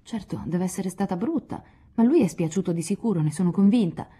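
Spirited coaxing young woman, read by a woman; husky timbre. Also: medium pitch, fairly quick, voice pushed up. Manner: coaxing, lively.

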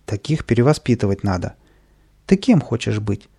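A man's voice: on the low side, big pitch swings, normal speed, gravelly, dark tone, husky, exaggerated voice. A man voicing a stern adult police sergeant in a children's storybook, firm and commanding.

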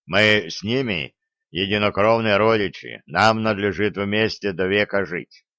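A man doing a slow proud old warrior boyar. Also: on the low side, sharp tone, dry recording, muffled recording. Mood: stubborn. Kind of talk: audiobook character reading.

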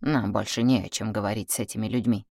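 A woman voicing a hoarse, seething night prince. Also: lowish voice, fairly even intonation, fast, darkish tone, dry recording, clean studio sound, pitched below the performer's own voice. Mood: grim, curt. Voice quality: hoarse, clipped. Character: brooding furious male night prince, curt and menacing.

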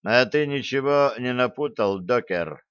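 A man voicing a tough, suspicious Scottish fighter in an audiobook, with gruff, clipped questions. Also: medium pitch, expressive, unhurried, a bit bright, no room sound. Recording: dull lo-fi dry audio.

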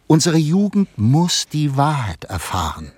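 A man reading a script in a grave, measured way in a radio documentary. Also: on the high side, sing-song, darkish tone. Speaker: reader.

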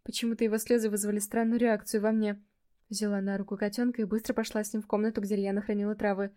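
A woman narrating a first-person fantasy audiobook, telling it in a measured way, livelier in dialogue and quieter in reflective asides. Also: mid-range voice, little pitch movement.

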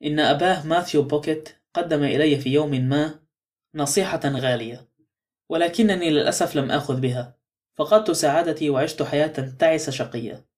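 A man's voice: fairly high pitch, a little fast, a little mellow, lightly acted. A man reading the lines of a frail, lonely, remorseful elderly woman in an audiobook, his speech trembling and pleading. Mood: regretful.

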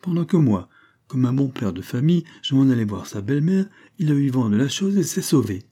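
A man's voice: mid-range voice, sing-song, a little fast, mellow, pitched above the performer's own voice. A man reading an audiobook, voicing a shrewd, sly older farmer who talks bluntly and teasingly in a raised voice. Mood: bantering.

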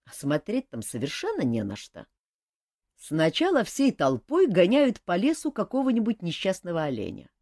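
A woman reading an audiobook, voicing a calm young king who teases with dry humor. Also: on the low side, no room sound. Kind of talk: audiobook character voice.

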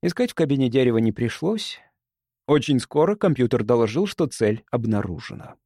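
Man, audiobook narrator, animated delivery, dry close sound. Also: medium pitch, fairly quick, slightly rough, dry recording. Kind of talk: scripted first-person audiobook narration.

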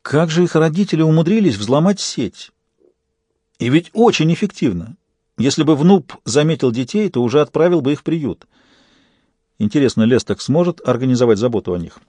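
Mellow male audiobook narrator. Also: a little high, animated, brisk, no room sound. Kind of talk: scripted narration.

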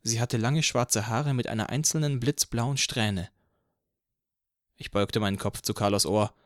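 A man narrating an audiobook in the first person with an even, measured reading from a close studio mic. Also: medium pitch, no room sound.

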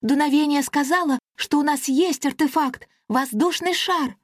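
A woman's voice: sits high, normal speed, dry recording, studio quality, voice pushed up, lightly acted. Woman voicing a bubbly little girl fairy. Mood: excited. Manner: breathless, insistent, bubbly. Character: small eager excitable girl air fairy.

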